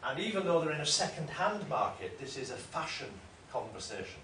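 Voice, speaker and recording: A man's voice: a little high, sing-song, fairly quick, pushed and bright. A man giving an academic lecture in a discursive, explanatory way, often correcting himself. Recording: roomy room, mic at a distance, faint noise.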